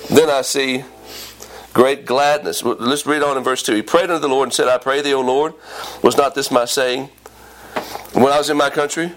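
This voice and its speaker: A man preaching a sermon, reading old scripture aloud and swinging from low emphasis to emphatic high peaks. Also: normal speed, a little hiss or hum. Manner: animated, rising to emphatic peaks and dropping low; reads King James scripture aloud.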